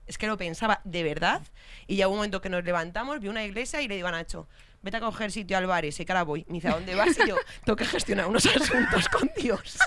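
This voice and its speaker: A woman with a Spain Spanish accent telling a story in casual chat, animated, swearing and laughing as she goes. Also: mid-range voice, fast talker, a little hiss or hum. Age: adult with a young child. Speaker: podcast co-host telling a story.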